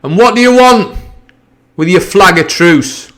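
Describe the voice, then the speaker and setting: Man playing a cold, commanding ship's captain, clipped orders pitched above his own voice. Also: moderate pace, fairly bright tone, lightly acted. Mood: challenging. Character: stern, cold middle-aged ship's captain.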